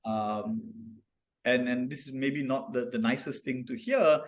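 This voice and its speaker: Man, podcast guest, reflective storyteller, halting restarts, mid-pitched voice. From Malaysia. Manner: reflective, storytelling, frequent restarts and "right?" tags. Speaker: startup founder guest. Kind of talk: casual podcast conversation.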